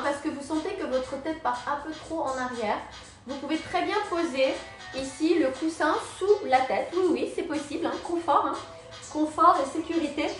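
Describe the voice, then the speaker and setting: High-voiced woman guiding a Pilates class. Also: recorded from a distance. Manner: encouraging, cueing breath and movement step by step. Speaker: Pilates and yoga instructor. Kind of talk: guided exercise class instruction. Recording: very echoey room, voice from afar, faint music.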